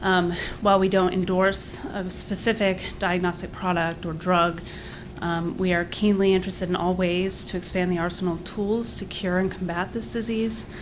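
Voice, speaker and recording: A woman's voice: on the low side, little pitch movement, moderate pace, few pauses, background noise. A woman giving earnest, polite public remarks in a formal register, a little short of breath. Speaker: advocacy group director giving public comment. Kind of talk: prepared public remarks, partly off the cuff.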